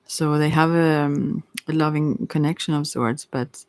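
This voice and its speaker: A tarot reader whose first language isn't English gives a casual, unscripted reading, hesitating and halting as she searches for words. Her medium-pitched voice keeps a fairly even intonation, and there's no room sound.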